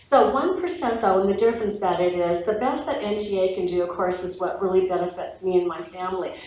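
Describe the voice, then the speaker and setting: Woman giving public comment, echoey hall. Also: mid-range voice. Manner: earnest, halting, with fillers and restarts. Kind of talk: public comment at a board meeting. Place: echoey public meeting room. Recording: echoey, dull meeting-room audio.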